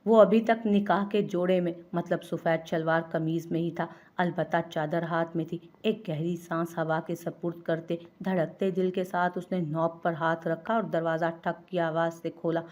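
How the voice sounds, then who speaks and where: Female narrator for a serialized romance audiobook, steady and expressive, lower voice. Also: normal speed, few pauses. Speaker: storyteller. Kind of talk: novel reading.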